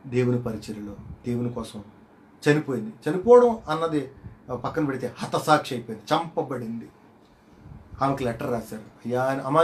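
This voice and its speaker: A male pastor preaching a sermon with dramatic storytelling, swinging from loud emphatic lines to hushed ones. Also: mid-range voice, slight background noise.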